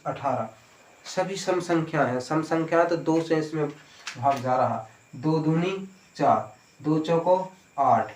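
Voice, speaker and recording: A man teaching an exam-prep maths lesson, explaining step by step and asking questions before answering them himself. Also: on the high side. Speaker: maths tutor. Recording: echoey room.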